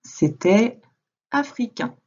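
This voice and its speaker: Patient woman teacher, lively pitch. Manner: slow, patient, addresses the child directly. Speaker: primary school teacher. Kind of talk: recorded reading lesson for a young child. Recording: dull lo-fi home recording.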